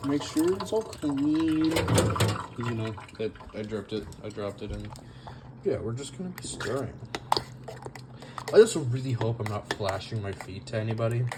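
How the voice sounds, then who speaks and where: A young man talks his way through a home cooking vlog, moving around the stove, rambling, self-deprecating and heavy on fillers. His ordinary-pitched voice is a little slow and picked up on a camera mic in his kitchen that he sometimes drifts away from. A steady hiss runs under the whole recording.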